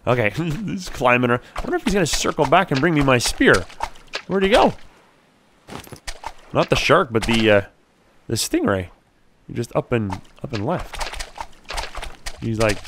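A man's voice: mid-range voice, background noise. A man giving casual let's play commentary, chatty and talking to the creatures in the game.

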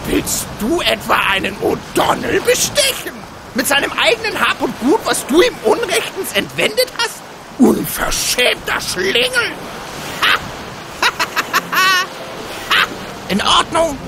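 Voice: extremely high pitch, sing-song, slow, heavily acted. An actor playing a small, cranky, mischievous male leprechaun in a video game, scolding theatrically. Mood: scornful. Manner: scolding, theatrical, full of quaint insults. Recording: clear background ambience noise.

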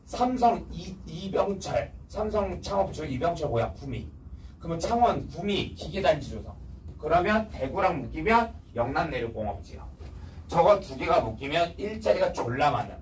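A man's voice: fairly high pitch, darkish tone, recorded from a distance, slight background noise, poor audio. Blunt man teaching with quiz questions. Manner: blunt, slangy, quizzes students often. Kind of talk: casual history lecture.

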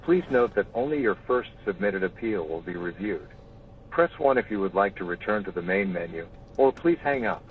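Low male recorded phone menu voice. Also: recorded from a distance, a little hiss or hum. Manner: even, measured prompts. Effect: recorded phone menu message. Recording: tinny phone line from a speaker.

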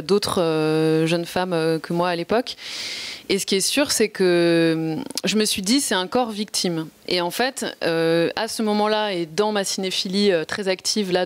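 Woman, filmmaker guest, lowish voice, dry close sound, hesitant, lots of fillers, apologetic. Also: dry recording. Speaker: filmmaker guest at a public talk. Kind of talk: casual public talk to an audience. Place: live event in a shop.

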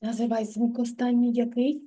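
A woman teaching a young child letters and sounds, speaking patiently and clearly and praising often. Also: fairly high pitch, level tone, normal speed, mellow. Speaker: kindergarten teacher. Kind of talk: literacy lesson with a child.

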